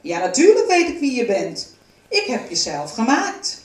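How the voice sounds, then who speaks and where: A woman's voice: fairly high pitch, wildly swooping pitch, moderate pace, a little mellow, pitched above the performer's own voice. A woman voicing a kindly, fatherly old male woodcarver in a storybook reading, speaking strongly and with emphasis. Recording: roomy, from a distance.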